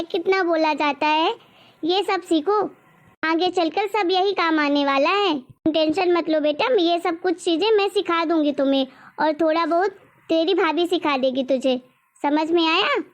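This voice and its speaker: A woman voicing a strict, nagging middle-aged mother in a cartoon story, lecturing and scolding. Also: very high voice.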